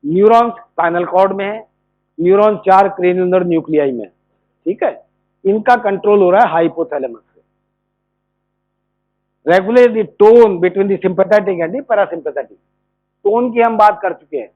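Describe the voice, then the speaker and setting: A man's voice: high voice, a little slow, long pauses, no room sound. A male medical college lecturer, explaining a topic and answering his own rhetorical questions. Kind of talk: classroom lecture. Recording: tinny phone-like lo-fi audio.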